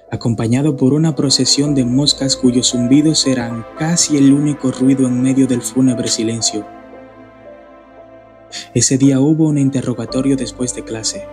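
A man from the Dominican Republic reading a scripted horror story in a measured, grave manner. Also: medium pitch, a little mellow. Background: faint background music.

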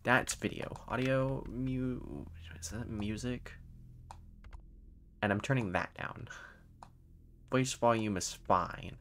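A man's voice: mid-range voice, slow pace, pauses often, fairly bright tone. A young man streaming a horror game with scared, jumpy commentary and sweary, sarcastic asides. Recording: faint-to-clear game noise behind voice. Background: horror game ambience.

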